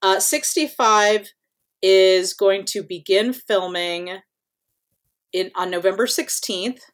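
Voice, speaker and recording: A woman's voice: medium pitch, slow pace. A woman co-hosting a podcast in casual chat, rambling with lots of fillers and casual swearing. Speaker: podcast co-host.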